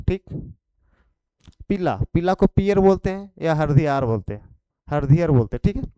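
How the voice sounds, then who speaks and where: A man's voice: fairly high pitch, dark tone, clean tone, no room sound, poor audio. A man with a Khortha accent teaching an exam prep vocabulary lesson, repeating each point and checking in after it.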